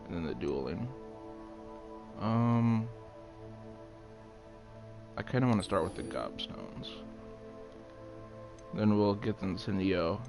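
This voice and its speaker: A man's voice: on the low side, sing-song, slow, long pauses. A man streaming a game in casual commentary, tired and scratchy-voiced from just waking up, swearing casually and chatting to viewers. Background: game music.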